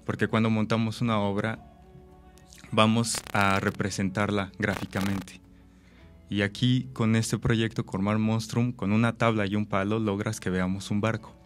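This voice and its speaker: A man's voice: fairly low pitch, level tone, normal speed, faint music behind. A man, an actor and director, explaining his ideas thoughtfully with examples and rhetorical questions. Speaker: actor and director, interview guest. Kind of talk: reflective interview talk.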